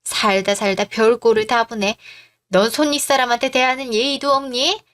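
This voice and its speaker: A woman's voice: fairly high pitch, little pitch movement, moderate pace, a bit bright, natural voice. A woman voicing a haughty, easily offended sister-in-law in a radio drama, complaining shrilly.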